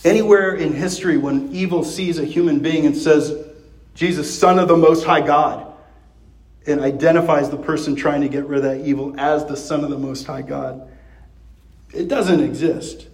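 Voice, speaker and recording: A man's voice: on the high side, fairly even intonation, normal speed, darkish tone, echoey room, low-quality recording. A man preaching a sermon as pastor, talking in a loose, conversational way with many fillers and restarts.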